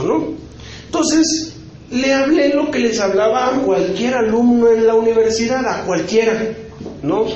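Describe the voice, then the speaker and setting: Guy in his 50s preaching, chatty storyteller, highish voice, big echoey hall. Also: darkish tone, a little hiss or hum. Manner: chatty storytelling with frequent "pues" and "¿no?" tag questions. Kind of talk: conference sermon testimony. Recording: very echoey hall, slightly dull sound.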